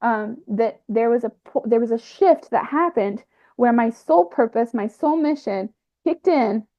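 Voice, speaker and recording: A woman talking through a personal spiritual experience in a reflective monologue, pausing and restarting often. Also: fairly high pitch, expressive. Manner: halting, with frequent fillers and restarts. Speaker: speaker sharing a personal spiritual account. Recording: slightly muffled lo-fi recording.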